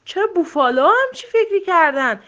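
Casting: a woman doing a wise old storybook lion, calm and questioning, lively, muffled lo-fi sound. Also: very high voice, pitched above the performer's own voice, heavily acted.

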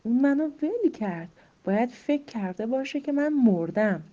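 A frightened male hunter, hurt and pleading, calls out in high, panicked cries, as a woman puts him on. The voice stays mellow, and the recording sounds muffled and lo-fi. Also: animated, natural voice. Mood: relieved.

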